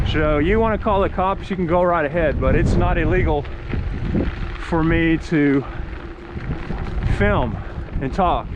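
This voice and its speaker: A middle-aged American man rambling casually as he narrates a bike ride outdoors, his plainspoken voice muffled by a cloth face covering. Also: a little high. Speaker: cyclist vlogger. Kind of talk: casual narration while riding a bicycle. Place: outdoors on an open rural gravel road. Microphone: action camera worn while riding. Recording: loud wind noise on action camera.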